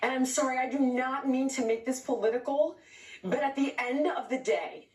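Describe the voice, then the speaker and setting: A woman from California speaking as a guest in a heated interview, outraged and emphatic, firing off points rapidly. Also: high voice, roomy sound, distant mic, poor audio.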